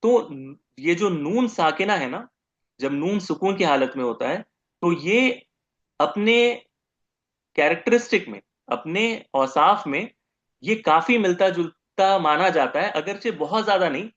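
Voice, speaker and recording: A man's voice: high voice, expressive, measured pace, fairly bright tone, muffled recording. A man teaching Arabic grammar in a recorded lecture, explaining patiently and drawing out sounds when he demonstrates them.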